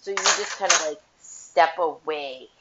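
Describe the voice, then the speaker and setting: A woman's voice: lowish voice, a little slow, very noisy. A woman hosting a casual solo podcast while washing dishes, talking bluntly and profanely, with a tinny, tin-can sound from her headset mic. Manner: blunt and profane, frank opinions. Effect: tinny, metallic tin-can sound. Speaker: podcast host. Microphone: headphones with mic. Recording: dull tin-can sound with faint dish clatter.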